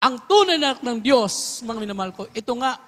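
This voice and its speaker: A male preacher giving a fervent sermon, dropping to a hush and then rising to shouted praise, and calling his listeners his beloved again and again. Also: very high-pitched, sing-song, fast, long reverb tail. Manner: keeps addressing listeners as beloved ones.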